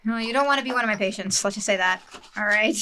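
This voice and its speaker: Bubbly fast-talking woman unboxing. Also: mid-range voice, noisy background. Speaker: co-host, new hobby player. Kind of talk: casual unboxing chat. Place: home tabletop setup.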